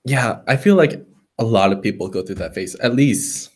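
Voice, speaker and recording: Young man, low voice, casual podcast chat, sweary, informal. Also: expressive, normal speed. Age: young adult. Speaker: podcast co-host. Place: library room.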